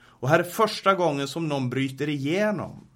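A man's voice: a little high, lively intonation, fairly bright tone. A man with a Swedish accent teaching a sermon, reading scripture passages aloud and explaining them with frequent fillers and restarts. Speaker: preacher.

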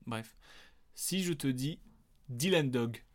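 A man's voice: mid-range voice, takes it slowly. A man hosting a casual movie quiz podcast, teasing and joking with his co-host. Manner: teasing, jokey, lively swings in tone. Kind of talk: playful casual chat.

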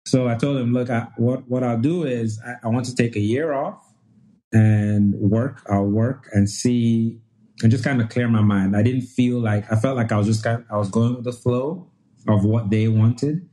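Here a guest pulmonologist from Nigeria, a man in his thirties, speaks in a mid-range voice at a moderate pace. He recounts his story easily, frequently starting over and repeating himself.

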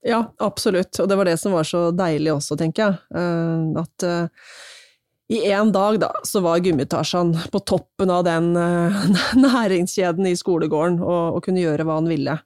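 Woman guest in a library interview, chatty, mellow, dry sound, lots of fillers. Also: fairly low pitch, dry recording. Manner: chatty, laughs often, many fillers. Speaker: guest, author and government minister. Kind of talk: casual interview talk.

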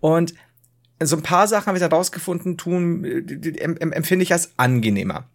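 Animated rambling male podcast co-host. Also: on the high side, brisk. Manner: rambling, animated storytelling with laughs and acted outbursts. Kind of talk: casual chat.

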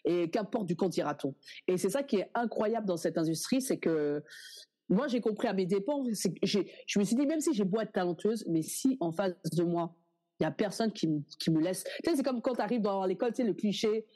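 A young woman, an actress being interviewed, chatting casually and telling lively stories in which she acts out what other people said. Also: mid-range voice, a little fast. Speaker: actress guest.

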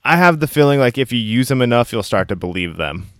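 A man's voice: medium pitch, very animated, quick pace, fairly bright tone, no room sound, studio quality. A man hosting a casual interview, easygoing and agreeable as he chats with his guest. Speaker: interview host.

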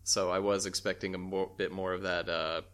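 Low-voiced man in casual podcast chat. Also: level tone, a little fast, fairly bright tone, smooth. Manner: chatty, thinks aloud with restarts. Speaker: podcast co-host.

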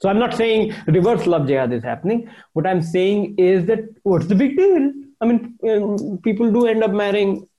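A man with a North Indian accent speaks in a high-set voice with a mellow, relaxed tone. He answers conversationally, as in an interview. He stresses points by repeating phrases and mixes Hindi into his English. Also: moderate pace, few pauses, muffled recording. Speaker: interviewed journalist and author.

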